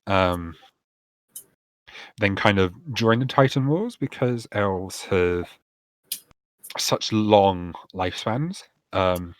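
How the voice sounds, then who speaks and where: A man's voice: deep voice, a bit bright, no echo. A man acting as dungeon master, explaining the setting of a tabletop campaign in a loose, rambling way full of fillers.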